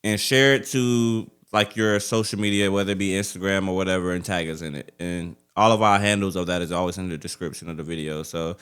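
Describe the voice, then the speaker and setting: A man's voice: low voice, steady tone, a little fast, hardly any pauses, a bit bright, smooth. A man co-hosting a podcast, chatting casually in a slangy way. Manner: slangy, often tags lines with man, dog or bro. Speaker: podcast co-host. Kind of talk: casual chat.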